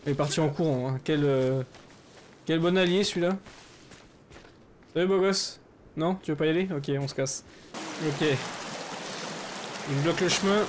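A man commentating his solo survival game, chatty and rambling with many fillers, often breaking into excited shouts. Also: on the high side, background noise. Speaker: gaming YouTuber.

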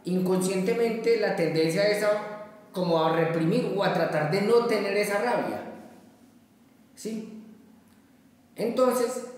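Therapist, male, measured self-help talk, very reverberant room, set back from the mic. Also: sits high, darkish tone. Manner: measured, explaining with everyday examples and frequent "¿sí?". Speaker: therapist giving a daily exercise. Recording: very echoey, roomy, slightly distant from the mic.

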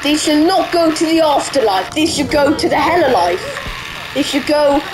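A young woman doing excitable, playful let's-play commentary, taunting the enemies she fights. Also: high-pitched, normal speed, background noise. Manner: excitable, playful trash-talk at game enemies. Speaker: gaming YouTuber. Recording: game music playing behind. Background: game music.

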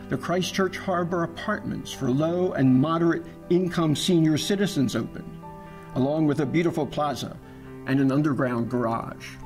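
A man giving calm, measured scripted narration for a church history documentary. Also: medium pitch.

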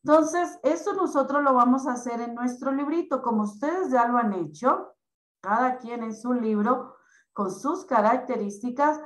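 A woman teaching young children in an online class, explaining slowly and patiently. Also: on the high side, reverberant, poor audio. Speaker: primary school teacher.

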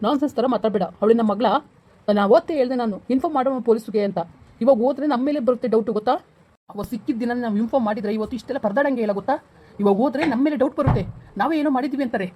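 A woman's voice: on the high side, racing, warm tone, natural voice. A woman playing a firm, scolding husband who mixes in English, in a family drama skit.

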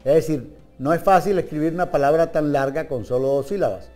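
A man with a Venezuelan accent hosts a comic TV talk show and reads out word trivia. His voice sits a little high. He teases his co-workers with quick asides, then slows down to stress single words, and faint music plays behind him. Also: dark tone. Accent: Venezuelan Spanish. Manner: playful and teasing, jumps between fast asides and slow stressed words. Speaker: TV show host.

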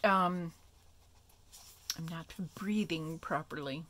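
A woman hosting a craft tutorial, explaining each step in a relaxed, chatty way with many ums and asides. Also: low-pitched, slow, no echo. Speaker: craft video host.

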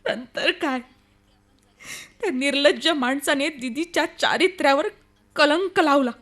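An anguished young woman in an old-fashioned radio play. Her voice is high and emotional. She speaks in halting, dramatic phrases, weighed down by grief for her sister. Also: fairly bright tone. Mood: tearful, bitter. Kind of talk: radio play acting, old radio show manner.

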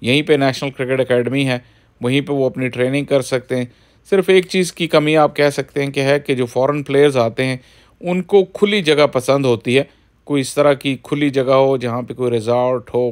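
A man gives a casual, conversational vlog narration as he films a stadium construction site. He explains things at length and leans on filler phrases. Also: medium pitch. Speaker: cricket vlogger.

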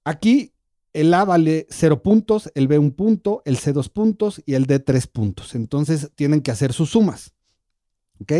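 A man, a doctor on a radio talk show, explains things calmly and step by step. His voice sits a little high but sounds warm and relaxed. It is recorded dry on a close studio microphone. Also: a little slow, no room sound. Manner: calm, explanatory, walks through a quiz step by step. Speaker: gastroenterologist guest.

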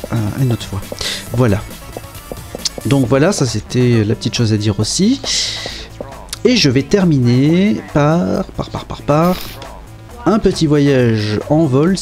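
A man's voice: on the high side, a little mellow. A man casually commenting on a game as he plays, chatty and hesitant, with many fillers and joking asides. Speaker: game video presenter.

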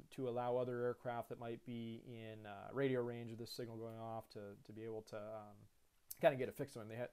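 A man in his thirties, an airline pilot, giving a relaxed screen-share lesson on cockpit controls, with lots of fillers and restarts. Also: mid-range voice, gravelly.

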